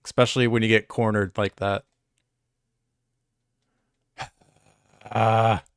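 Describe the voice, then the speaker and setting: A man streaming a game live, commenting excitably, swearing and talking to his chat. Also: lowish voice, slow pace, clear, resonant tone, no echo, studio quality. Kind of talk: live let's-play commentary.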